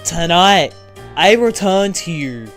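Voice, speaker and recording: A man voicing a brooding male wrestler who speaks slowly and dramatically. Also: sits high, expressive, a bit bright, faint music behind, pitched below the performer's own voice, heavily acted. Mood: solemn. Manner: slow, solemn, dramatic.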